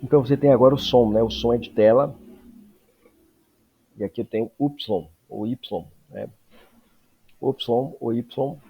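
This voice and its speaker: A man teaching a Greek lesson, explaining slowly and checking in with frequent tag questions. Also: medium pitch, breathy edge, highs cut off. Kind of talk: classroom lesson.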